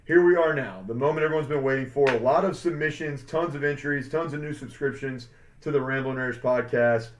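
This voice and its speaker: A man's voice: mid-range voice, fairly quick, a little hiss or hum. A man co-hosting a sports podcast in casual chat, rambling with lots of fillers and upbeat hype. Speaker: podcast co-host. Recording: dull lo-fi sound.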